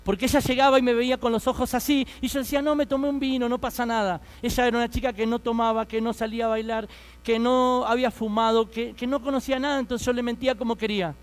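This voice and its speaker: A man's voice: very high voice, little pitch movement, fast. A man in his thirties with an Argentine accent, telling his life story as a fervent preaching testimony and speaking straight to his listeners. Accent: Argentine Spanish.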